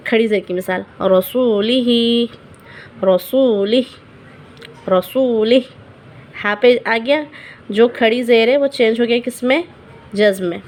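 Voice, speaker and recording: A woman teaching Quran recitation rules in a patient lesson. She repeats each example word slowly and checks in her learners often. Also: fairly high pitch.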